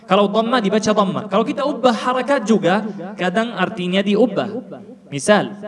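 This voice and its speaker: A high-pitched man teaches Quran recitation, repeating each syllable carefully to model it and quizzing the room. His voice rings with a long hall reverb, and a crowd is clearly audible behind him. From Palestine. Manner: deliberate, repeats sounds to model pronunciation, quizzes listeners.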